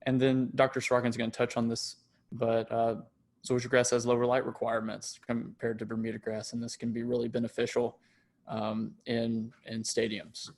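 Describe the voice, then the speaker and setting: A young man presents his research in a webinar, following prepared points. His voice is gravelly with vocal fry. He keeps a flat, even delivery. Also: mid-range voice, moderate pace. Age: young adult. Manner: reads prepared points with fillers. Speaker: PhD student presenting research.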